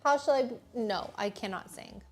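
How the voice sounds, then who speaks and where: A woman with a somewhat high voice chats playfully while baking in her home kitchen, addressing viewers. Soft music plays underneath. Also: moderate pace. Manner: chatty, playful, talks to viewers. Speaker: home baker, co-host. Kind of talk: casual kitchen chat on a livestream.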